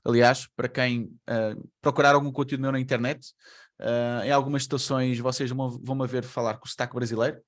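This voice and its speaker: A man born in Brazil but speaking with a European Portuguese accent presents a webinar to an online audience. His medium-pitched voice moves little in pitch and runs a little fast, and his style is conversational, with rhetorical questions.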